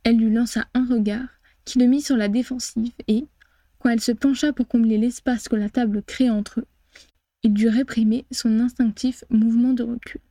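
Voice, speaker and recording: A woman reading a fan fiction audiobook, narrating in an even, measured way. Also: fairly high pitch, no room sound, studio quality. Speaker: audiobook reader.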